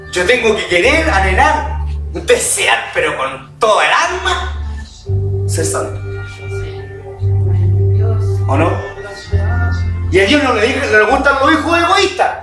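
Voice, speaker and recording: A middle-aged man preaching a sermon, animated and often asking the congregation if they agree. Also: high-pitched. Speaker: pastor. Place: church hall. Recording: echoey hall, distant mic, music behind.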